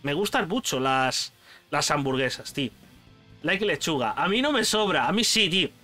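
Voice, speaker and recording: A man's voice: a little high, moderate pace, faint music behind. A young man from Spain with a Spanish accent, chatting casually and animatedly while ranking foods for his channel, full of slang. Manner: animated, slangy, addresses viewer as "tío". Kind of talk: casual chat, food tier list.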